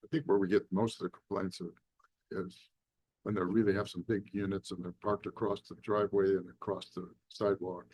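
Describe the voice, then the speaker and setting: A man's voice: sits low, level tone, brisk, darkish tone, breathy edge, no room sound. A man on a city council asking plain follow-up questions in a conversational way. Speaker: council member. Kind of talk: meeting discussion. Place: council chamber.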